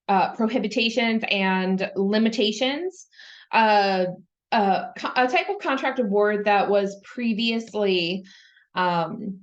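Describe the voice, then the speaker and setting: A woman's voice: mid-range voice, highs cut off. A woman giving a webinar presentation, explaining slide by slide in a conversational way with many fillers. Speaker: presenter on government contract auditing.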